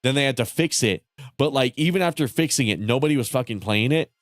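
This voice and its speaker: Congested and nasal, this gamer rambles while livestreaming, swearing frequently and laughing between thoughts. His voice is mid-range and quick, and the studio-clean audio has no echo.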